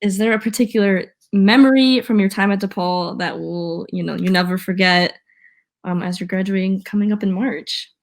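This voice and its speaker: A woman's voice: mid-range voice, moderate pace. Young woman, student host, friendly, affirming, asks questions. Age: 20s. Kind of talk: hosting an interview chat.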